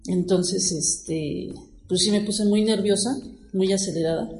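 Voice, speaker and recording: A woman's voice: mid-range voice, fairly even intonation, unhurried, darkish tone, soft background music. A middle-aged woman, telling a personal story in an emotional, rambling way with many fillers. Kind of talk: casual storytelling. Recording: echoey room.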